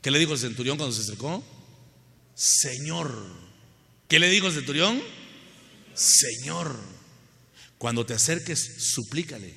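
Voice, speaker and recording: Fiery Guatemalan pastor preaching. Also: male voice, medium pitch, bright, forceful tone, long reverb tail. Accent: Guatemalan Spanish. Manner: impassioned preaching, often calling out to the congregation. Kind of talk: sermon. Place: church.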